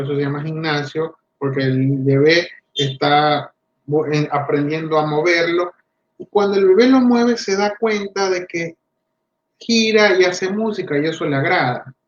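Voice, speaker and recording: A male speech therapist giving a talk to parents, animated and acting out the voices of parents and children as he explains. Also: a little high, moderate pace. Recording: roomy, dull lo-fi audio.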